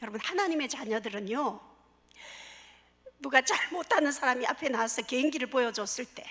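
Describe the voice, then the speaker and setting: Playful high-voiced woman giving a testimony. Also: expressive, a little fast, fairly bright tone. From Daegu, South Korea. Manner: playful, engages the audience with questions. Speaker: pastor's wife giving a testimony. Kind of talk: humorous church testimony. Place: church hall. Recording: echoey church hall, dull sound.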